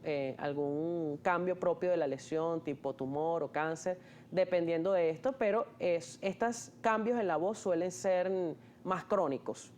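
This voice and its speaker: Slightly high and a little mellow, a man's voice belongs to an ENT doctor patiently explaining terms in an interview. His delivery is hesitant, full of restarts and fillers. Slight background noise can be heard.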